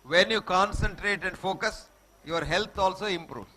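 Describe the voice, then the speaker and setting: A man's voice: high voice, normal speed, sharp tone, a little hiss or hum. A man with a Telugu Indian accent giving a motivational talk to children, speaking emphatically, repeating short maxims and checking that his listeners follow. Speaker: guest speaker addressing schoolchildren.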